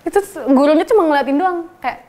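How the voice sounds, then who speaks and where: A woman's voice: high voice, fast talker. A young woman, telling a story casually and acting out quotes with lots of energy and laughter. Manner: animated, acts out quotes loudly, laughs often.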